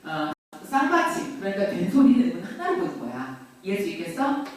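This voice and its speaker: A middle-aged woman teaching grammar to a classroom, lively, quizzing and teasing her students. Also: medium pitch, brisk. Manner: lively, questions and teases students. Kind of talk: classroom lecture. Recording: very echoey classroom from far off.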